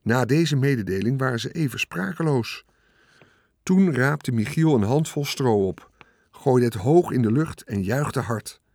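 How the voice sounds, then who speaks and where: A man narrating a children's storybook in a calm, measured read-aloud style. His pitch sits in the middle range for a man. The recording is dry and close, with no room sound. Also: no room sound.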